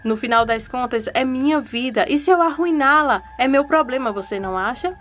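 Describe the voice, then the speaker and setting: A grieving young bride, bitter and defiant, read by a woman. The voice is slightly high, with faint noise behind it. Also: animated, fairly quick, fairly bright tone.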